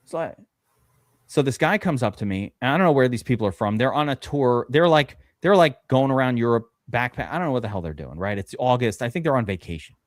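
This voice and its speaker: Chatting casually on a live stream, a US man drafting fantasy football spins a meandering tale loaded with swearing and verbal fillers. He speaks a little fast at a medium pitch with lively intonation. It's a dry, clean studio recording.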